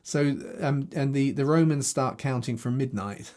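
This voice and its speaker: A man's voice: mid-range voice, measured pace, darkish tone. A man reading scripture aloud and teaching on it in a conversational way, thinking aloud with restarts, recording himself to a video camera. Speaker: Bible teacher. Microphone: self-recorded to a video camera.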